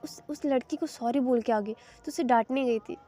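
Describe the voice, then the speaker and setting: A woman's voice: fairly high pitch, normal speed, dark tone, a little hiss or hum, close to an everyday voice. A woman voicing a young female college student who sounds sulky and apologetic.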